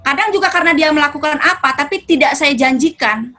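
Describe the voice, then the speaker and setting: Her high-pitched voice sounds pushed and bright, and she talks fairly quickly over poor audio. This religious parenting speaker answers seminar audience questions casually and conversationally, at times performing mother-child conversations.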